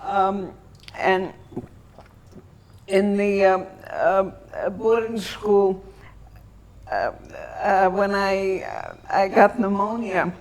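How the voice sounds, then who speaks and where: An elderly woman from Antwerp, Belgium, whose first language is German, reminisces in an interview, pausing long as she searches for words. Her voice is mid-range, expressive, and somewhat dark in tone.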